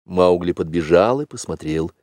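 A man narrating a storybook in a slow, expressive reading. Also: deep voice, dry recording, studio quality.

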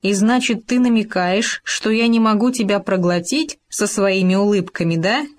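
A woman voicing a big, slow-witted male wolf who drawls and blusters in a storybook reading. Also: mid-range voice, close to an everyday voice. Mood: gruff.

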